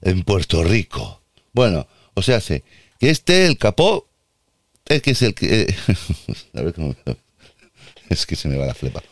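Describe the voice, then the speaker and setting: A man's voice: deep voice, wildly swooping pitch, unhurried, long pauses, dry recording, studio quality. A man hosting casual commentary on music videos, joking and rambling in asides. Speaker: host reacting to music videos.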